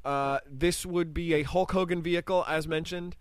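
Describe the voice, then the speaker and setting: A man's voice: fairly high pitch, steady tone, moderate pace, clear, resonant tone, dry recording. A man in his forties, co-hosting a casual podcast chat and rambling along with plenty of fillers. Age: 40s. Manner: laid-back, rambling with fillers. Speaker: podcast co-host.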